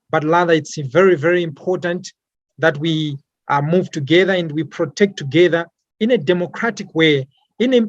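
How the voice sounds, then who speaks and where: A young man from Malawi answers interview questions in a slightly high voice. He talks haltingly, full of fillers and repeated words. The sound is dry and close, with no room around it. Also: no echo, dull audio. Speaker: interviewee, climate activist.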